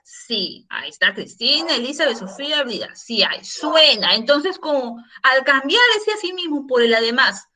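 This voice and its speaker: A middle-aged woman teaches an online grammar class with a high, bright voice. Her pitch swings widely as she asks questions. She is patient and repeats her examples for the students. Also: expressive, moderate pace, few pauses. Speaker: secondary school language teacher.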